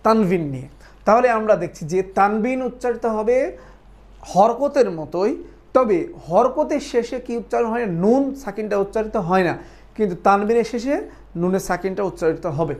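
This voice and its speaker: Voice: medium pitch, normal speed, darkish tone. A Quran recitation teacher giving an online lesson, patiently explaining step by step, asking questions and then answering them and repeating points for drilling.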